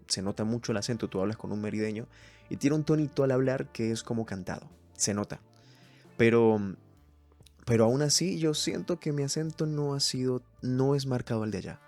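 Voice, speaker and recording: A man's voice: medium pitch, fairly quick, a little mellow, soft background music. A man from Venezuela hosting a solo podcast, thinking aloud as he reads points from a list and comments on each one. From Mérida, Venezuela. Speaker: podcast host. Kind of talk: solo reflective podcast chat.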